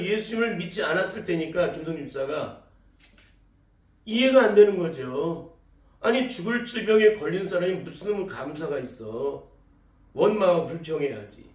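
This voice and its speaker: A man's voice: fairly high pitch, darkish tone. A male pastor telling a testimony in a sermon, acting out the cries and words of the people in the story. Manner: tells a testimony, acting out quoted cries and speech. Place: church sanctuary. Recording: echoey hall, voice from far off the mic.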